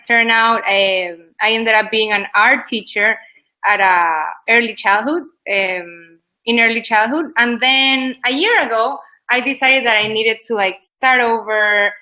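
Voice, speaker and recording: A bright, forceful, slightly high voice comes through a rough recording. The speaker, a twentysomething Ecuadorian yoga teacher, is an interview guest chatting casually about her job, loose and talkative with frequent "like" fillers.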